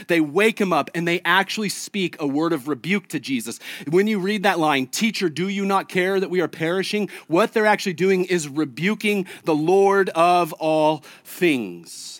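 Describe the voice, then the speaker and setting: Man, pastor, conversational sermon, rhetorical questions, high-pitched, dry sound. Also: a bit bright, no echo. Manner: chats casually with a child mid-sermon.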